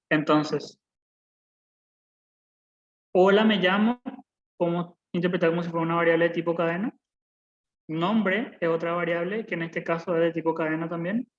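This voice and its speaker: A young man in his twenties, with a slightly high voice, leads a live online coding lesson over a video call with dull audio. He's a patient programming instructor who repeats points and often checks in with his students using "¿verdad?".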